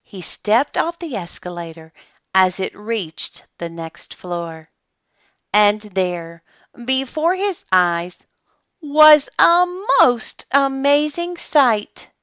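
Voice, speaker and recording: Woman doing storybook read aloud, super animated, takes her time, bit lo-fi. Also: mid-range voice, no room sound. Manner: dramatic, deliberate pauses and emphasis. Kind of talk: expressive children's storybook narration.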